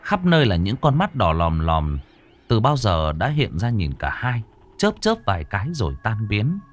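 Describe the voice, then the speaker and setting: A man narrating a horror story in a slow, expressive, dramatic manner. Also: on the low side.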